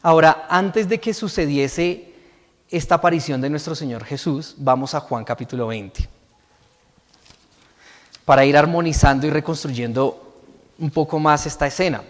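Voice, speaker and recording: Pastor preaching in a reverberant hall. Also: male voice, fairly high pitch, moderate pace, long pauses. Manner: reads scripture aloud and explains it, asking "¿sí?" to the congregation. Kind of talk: sermon. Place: church hall.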